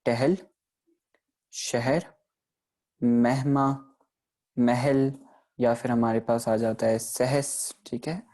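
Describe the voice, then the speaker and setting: A man teaches a pronunciation lesson in a mellow, darker voice at an ordinary pitch. He explains patiently, checks in with his listeners again and again, and slows down to sound out each example word. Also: fairly even intonation. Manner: patient explaining, checks in often with "theek hai". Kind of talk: recorded online grammar lesson.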